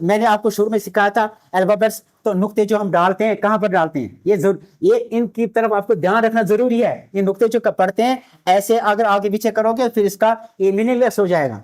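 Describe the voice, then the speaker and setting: A man teaching Urdu script in a classroom lecture, patient and repetitive, spelling letters out slowly. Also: high-pitched, a little mellow. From India.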